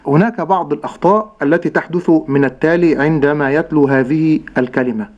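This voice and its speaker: A man teaching correct Quran recitation, slowly sounding out each syllable and contrasting right and wrong pronunciation. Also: fairly high pitch, a little mellow, highs cut off. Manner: slow, deliberate, models sounds syllable by syllable. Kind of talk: tajweed pronunciation lesson.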